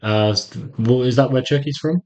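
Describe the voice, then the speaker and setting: A man with an English accent co-hosting a football podcast in casual, teasing chat with his brother. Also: moderate pace. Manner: teasing, jokey, lively pitch swings. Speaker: podcast co-host. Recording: slightly dull lo-fi sound.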